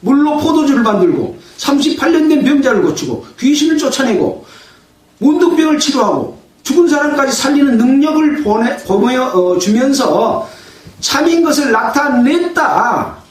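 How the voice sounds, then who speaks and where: A man's voice: very high voice, very animated, moderate pace, recorded from a distance. A male pastor preaching a sermon. He asks the congregation questions, answers them himself, and raises his voice to act out quoted sayings. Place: church. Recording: echoey room, voice from afar.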